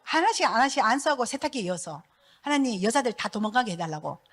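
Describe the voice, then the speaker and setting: A middle-aged woman, a pastor's wife giving a church testimony in a lively, laughing storytelling manner. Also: on the high side, fast talker.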